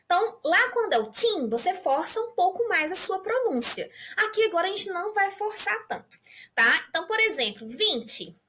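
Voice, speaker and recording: A woman's voice: very high-pitched, very animated, moderate pace, bright, forceful tone, slight background noise. A woman from Brazil teaching an English lesson to beginners, patiently checking in with her students all the time. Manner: patient, checks in with the class constantly.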